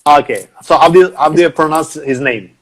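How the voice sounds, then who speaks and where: A man hosting a live online interview, speaking in halting English and repeating words while he searches for them. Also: on the high side, fairly bright tone, low-quality recording. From Turkey. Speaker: interview host. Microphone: video call.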